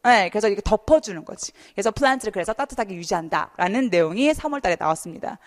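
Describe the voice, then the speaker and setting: Lively young woman teaching TOEFL. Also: medium pitch, fast talker, big-room sound. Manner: lively, chatty, asks students questions. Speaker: TOEFL instructor. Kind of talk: online lecture.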